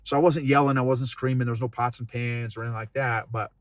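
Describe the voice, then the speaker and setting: A man's voice: mid-range voice, level tone, fast, dry recording. A middle-aged man hosting a solo podcast, telling a personal story in a candid, rambling way with many restarts. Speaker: podcast host and coach. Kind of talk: casual solo podcast monologue.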